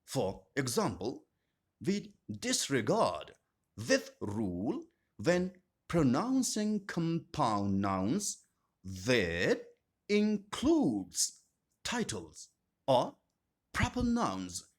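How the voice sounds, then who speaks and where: A man teaching an English grammar lesson, speaking slowly and deliberately and repeating each term with strong stress. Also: medium pitch, huge pitch swings. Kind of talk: scripted grammar lesson narration.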